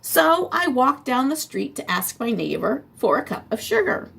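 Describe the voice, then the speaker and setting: Voicing a smooth-talking male wolf insisting on his innocence in a storybook, a woman uses a high, very animated, exaggerated voice at normal speed with a fairly bright tone. The wolf comes across as gravelly, husky, chatty, and persuasive.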